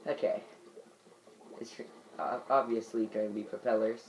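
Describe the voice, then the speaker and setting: A man's voice: lowish voice, flat delivery, normal speed, creaky, muffled recording, faint music behind. A man giving let's play commentary, muttering to himself while he plays. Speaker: gamer.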